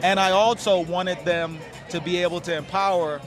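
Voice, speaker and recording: A man's voice: high voice, fairly even intonation, moderate pace. A man from the Bahamas, a nonprofit founder, talking earnestly as a guest in an outdoor interview. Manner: earnest, conversational. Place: outdoor tailgate. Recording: outdoor tailgate with crowd and music. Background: crowd and loud music.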